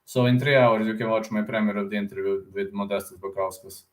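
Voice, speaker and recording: Speaking fast in a lowish, steady voice, a combat sports YouTuber rambles through casual chat on his live stream, where the room echoes. He replies aloud to viewer comments, repeats words a lot, and regularly ends with "man."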